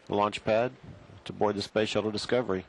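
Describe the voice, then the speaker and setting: Low-voiced male launch commentator. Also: steady tone, brisk, creaky, heavy background noise. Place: launch control firing room.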